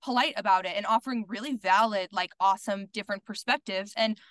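This podcast guest, a female content creator, talks fast in a mid-range, somewhat bright voice with no echo. Her casual conversation is frank and outspoken, loaded with "like" fillers and a curse here and there.

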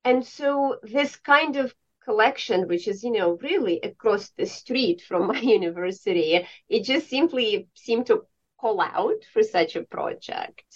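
A woman from Estonia, a professor of art history, speaking thoughtfully in an interview with frequent pauses. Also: medium pitch, animated. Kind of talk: conversational interview. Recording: dull lo-fi sound.

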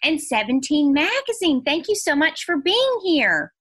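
A woman's voice: high voice, big pitch swings, unhurried, fairly bright tone. A woman hosting a podcast interview, enthusiastic and upbeat. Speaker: podcast host.

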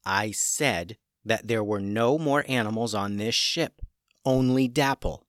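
A man's voice: on the low side, measured pace, fairly bright tone, no echo, studio quality. A man voicing a bossy young woman who captains a ship in a storybook, with firm, exasperated scolding. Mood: stern.

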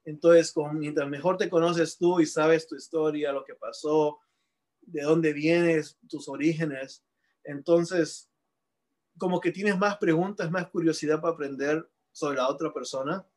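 A man speaking in a reflective, casual way, pausing and restarting his phrases as he thinks. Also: fairly high pitch, steady tone, a little mellow. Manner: thoughtful, halting, restarts phrases.

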